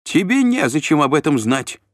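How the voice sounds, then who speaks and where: A man voicing a short, self-important male official who shrieks orders in a shrill, pompous way, in an audiobook reading. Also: very animated, unhurried, no room sound, studio quality. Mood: shrill commanding.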